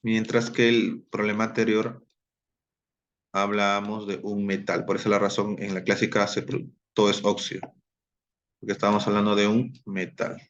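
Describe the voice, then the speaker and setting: A man's voice: on the low side, level tone, normal speed, muffled recording. A man teaching a chemistry lesson, explaining step by step, repeating key terms and checking in with his students.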